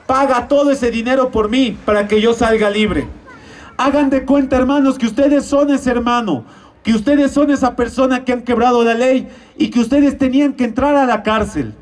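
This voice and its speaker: A man's voice: very high-pitched, steady tone, moderate pace, distant mic. A man preaching an evangelistic sermon in a church, posing rhetorical questions and calling his listeners brothers and sisters.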